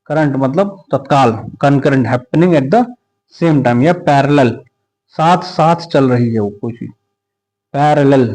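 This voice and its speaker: A man's voice: medium pitch, darkish tone, rough recording. A man teaching exam vocabulary, mixing Hindi with words, repeating each term several times and spelling words out letter by letter. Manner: mixes Hindi explanation with English terms. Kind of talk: exam-prep vocabulary lesson.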